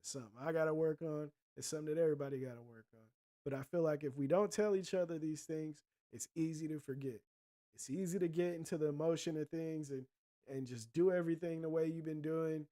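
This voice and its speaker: A man hosting a casual livestream, handing out blunt, profanity-laced advice in a preachy tone. His voice sits a little high for a man, but the timbre is dark and mellow. He talks straight to his viewers like a friend lecturing them. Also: steady tone, quick pace. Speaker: livestream host.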